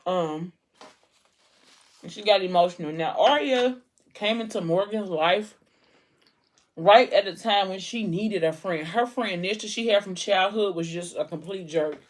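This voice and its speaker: A woman's voice: medium pitch, measured pace. A woman vlogger retelling a story in a casual, colloquial, gossipy way with acted-out dialogue.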